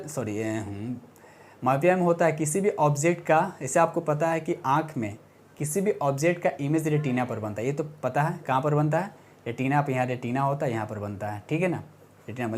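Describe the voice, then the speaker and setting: Teaching an informal science lesson for exam prep, a man with a higher, somewhat mellow voice repeats points, fixes his own slips, and often poses rhetorical questions to check in.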